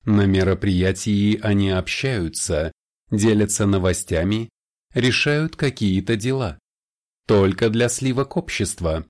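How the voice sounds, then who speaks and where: A man's voice: fairly low pitch, measured pace, darkish tone, lightly acted. A man voicing a sly, smirking male vampire elder who speaks in a raised, confiding voice in an audiobook. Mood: smug confiding.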